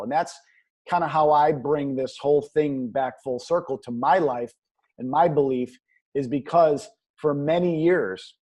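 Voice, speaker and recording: Earnest motivational man, mellow tone. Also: on the high side. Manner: earnest, motivational, repeats stock phrases. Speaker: guest, business coach and speaker. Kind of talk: motivational interview talk.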